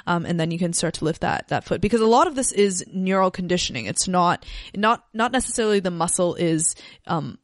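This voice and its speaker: A woman with a fairly low voice explains yoga postures in a relaxed podcast chat. She thinks out loud, restarting her sentences as she works through an idea. The sound is close and dry, with no room echo. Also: a little fast, hardly any pauses. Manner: thinks aloud with fillers and restarts. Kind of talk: casual teaching chat.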